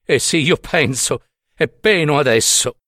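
A man's voice: fairly high pitch, a little slow, fairly bright tone, no echo, clean studio sound. A man voicing a blunt, rude traveler, a father of two, who talks brusquely.

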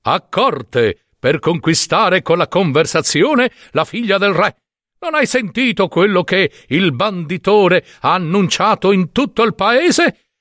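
A man's voice: high voice, sing-song, slow pace, a bit bright, dry recording, clean studio sound, pitched above the performer's own voice, full character voice. A man voicing two smug, condescending older brothers who mock their younger brother in a fairy-tale reading. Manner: mocking, condescending.

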